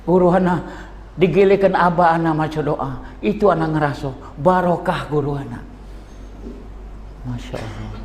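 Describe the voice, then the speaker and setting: A man in his sixties with a Palembang Malay accent, preaching an emotional sermon that swings from low talk to high cries. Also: normal speed, pauses often, a little hiss or hum. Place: large prayer hall at a religious gathering. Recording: echoey hall with long reverb.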